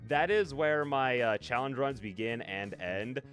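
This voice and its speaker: Chatting casually with his audience, this live-stream host rambles, pokes fun at himself, answers chat, and reads game narration out loud into a close, dry mic. He has an expressive, mid-range, slightly bright voice and speaks at a measured pace over soft background music.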